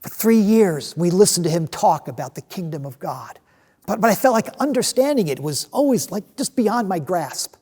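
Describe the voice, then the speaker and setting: An actor playing a passionate, restless disciple in a dramatic monologue, telling his story with halting, emphatic delivery and repeated words. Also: high-pitched, sing-song, a little mellow, husky, full character voice. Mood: wondering. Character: passionate male zealot disciple, restless man of action, recalling Jesus.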